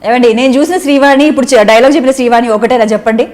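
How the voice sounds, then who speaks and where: A woman's voice: fairly high pitch, steady tone, very fast, darkish tone. A woman hosting an interview, coaxing and teasing her guest with frequent laughs. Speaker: interview host. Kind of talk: casual interview chat.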